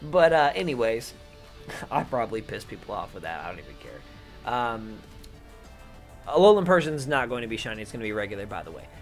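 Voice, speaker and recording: A man's voice: on the low side, big pitch swings, a little fast, long pauses, faint music behind. A young man casually rambling through his picks for an online league, swearing offhand and filling gaps with "um" and "uh". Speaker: YouTuber talking through his league draft. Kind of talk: casual unscripted commentary to camera.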